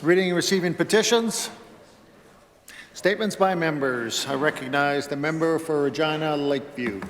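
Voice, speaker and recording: A man's voice: on the high side, moderate pace. A man making formal procedural announcements as the presiding speaker of a legislature. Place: large indoor legislative chamber. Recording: echoey, noisy legislative chamber.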